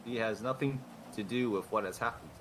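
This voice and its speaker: A man doing an oddly mechanical adult man, speaking in stiff, formal phrases with a low, level voice. He delivers every line like a machine reading out a status report, in game role-play. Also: fairly quick, noisy background, natural voice. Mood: stiff robotic.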